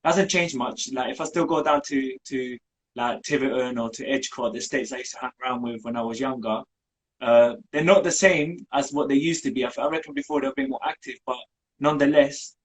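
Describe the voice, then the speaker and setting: A man's voice: medium pitch, fairly even intonation, a little fast, husky, poor audio. A young man from Colombia, talking in a casual interview with many fillers and restarts. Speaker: community group founder.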